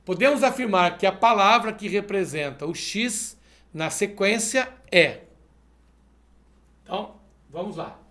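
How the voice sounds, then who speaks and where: A man's voice: high voice, a little slow, pauses often, sharp tone, roomy sound. A male math teacher solving exercises step by step in a video lesson, checking in with the viewer as he goes. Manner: methodical, explains step by step, asks "perfeito?".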